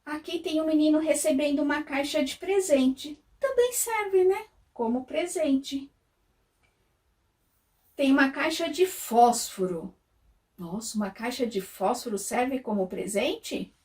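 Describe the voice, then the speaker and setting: Brazilian kindergarten teacher lady, bit high, sing-song, sounds a bit far from the mic. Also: measured pace, darkish tone. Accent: Brazilian Portuguese. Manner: sing-song, stretches out words for little kids; asks questions and answers them herself. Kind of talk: slow, sing-song lesson for small children.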